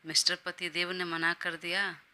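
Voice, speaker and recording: A woman voicing a shy young wife and student who answers softly and briefly, in an audio story. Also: on the low side, level tone, normal speed, a little hiss or hum.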